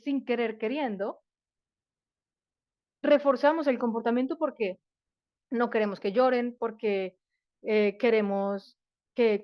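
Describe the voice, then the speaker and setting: A woman's voice: on the high side, no room sound. A woman presenting a live parenting workshop, explaining step by step and often checking in with rhetorical questions. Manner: explanatory, asks rhetorical questions, many fillers. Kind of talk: live online workshop talk. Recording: dull dry lo-fi sound.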